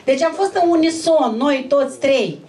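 A woman with a Moldovan Romanian accent moderating a public event, speaking briskly and directing the program. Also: high-pitched, expressive, a little mellow, far from the mic.

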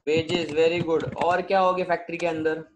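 High-voiced man teaching accounts online. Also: level tone, moderate pace, dull audio. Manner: switches between Hindi, Marathi and English, questions students often. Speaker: commerce teacher.

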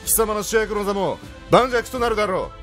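A mysterious, self-important cat delivers its quest in slow, solemn, old-fashioned phrases, voiced by a man. The tone sits lower than an everyday voice, and each line is weighed out carefully. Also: animated, fairly bright tone, faint music behind. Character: mysterious male cat quest giver, pompous.

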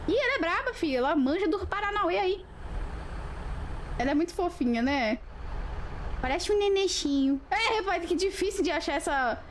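A woman's voice: very high voice, animated, moderate pace, long pauses, slight background noise. A woman, chatting playfully with viewers on a live stream through a webcam, teasing and giggling.

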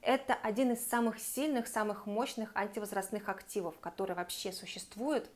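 A woman's voice: medium pitch, fairly even intonation, moderate pace. Chatty woman reviewing beauty products. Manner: chatty, enthusiastic, recommends warmly and addresses viewers directly. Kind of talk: casual product review to camera.

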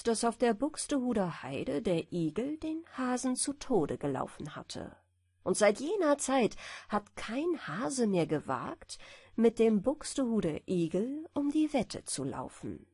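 A woman reads fairy tales aloud for sleep, slowly and expressively. Her voice is fairly high and lively in pitch, a bit breathy, and recorded dry and close. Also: dry recording. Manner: slow, expressive storytelling. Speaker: audiobook narrator. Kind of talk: fairy-tale reading for sleep.

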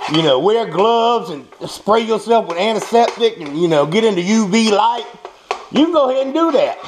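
An American man with a high voice presents a recipe standing at the stove in a small home kitchen, in a low-quality recording. His off-the-cuff cooking demo is casual, folksy, and salty, and he often repeats himself. The clear kitchen sounds include frying, stirring, clinking dishes, and clattering pans and utensils.

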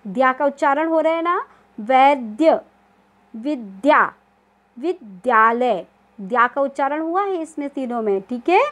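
A woman teaching a primary school Hindi lesson, patient and repetitive, often checking that pupils understand and sounding out word lists slowly. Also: sits high, lively intonation. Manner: slow, spelled-out syllables in word lists. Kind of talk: online class lesson.

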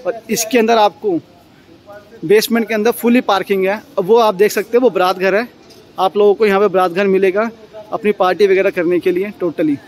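A man's voice: high voice, fairly even intonation, fairly quick, poor audio. A man in his thirties, talking casually while walking through a new apartment building and pointing things out, filmed on a handheld phone. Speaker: property vlogger. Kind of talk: casual walkthrough vlog. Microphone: handheld phone at arm's length.

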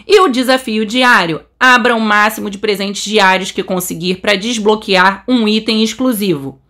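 A young Brazilian woman with a Brazilian Portuguese accent commentating a game update, so excited she says she is trembling, gushing and exclaiming constantly. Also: mid-range voice, moderate pace. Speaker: game channel host.

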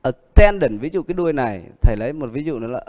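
A man teaching English word stress, explaining in a calm lesson voice and repeating each example word several times. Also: medium pitch, rapid-fire, long reverb tail, muffled recording. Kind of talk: exam prep pronunciation lesson.

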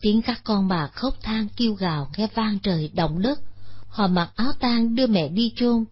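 A woman narrating a moral tale in a steady, solemn storytelling manner. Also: mid-range voice, moderate pace, breathy edge. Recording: lo-fi dull recording.

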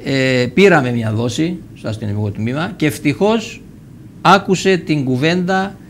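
Older guy telling his story on a tv talk show, kinda high voice, does the voices of people he quotes. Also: lively intonation, slight background noise. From Cyprus. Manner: vivid storyteller who acts out quoted dialogue, with frequent restarts. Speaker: guest. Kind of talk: personal storytelling in a TV interview.

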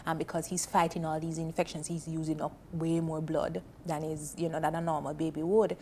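Seated on a studio sofa as a TV panel guest, this woman in her thirties speaks briskly in a low voice with a Jamaican accent. She shares a personal story earnestly and emotionally, gesturing animatedly with her hands. Her lapel mic picks up a faint hiss or hum.

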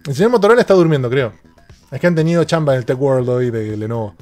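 A man's voice: mid-range voice, expressive, fast, darkish tone, soft background music. A man, a tech streamer chatting casually on a live stream and joking as he reads out viewer questions.

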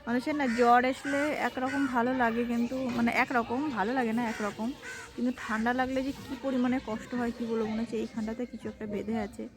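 A woman's voice: a little high, steady tone, fast talker. A woman with a sore throat from a cold, chatting casually through her household chores in a home vlog. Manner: chatty, narrating chores as she works. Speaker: home vlogger.

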